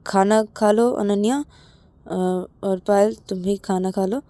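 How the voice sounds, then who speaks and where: A woman voicing a caring, gentle middle-aged mother. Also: mid-range voice, fairly even intonation, a little slow, no echo, lightly acted.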